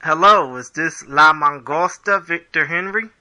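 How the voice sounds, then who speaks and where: A man's voice: on the high side, a little slow, sharp tone, low-quality recording. A man hosting a casual interview show, easygoing, laughing often and repeating his words as he asks questions.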